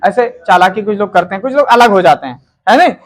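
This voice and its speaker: A man's voice: sits high, lively intonation, fast. A man teaching a grammar lesson in a chatty classroom style, checking in with listeners and acting out example sentences in different tones.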